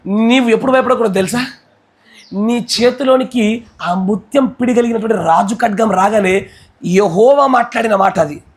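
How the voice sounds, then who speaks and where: A high-pitched man with a Telugu accent preaches a sermon. His delivery is fervent, and it moves between loud, shouted exclamations and quieter, intense speech. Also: moderate pace. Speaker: pastor.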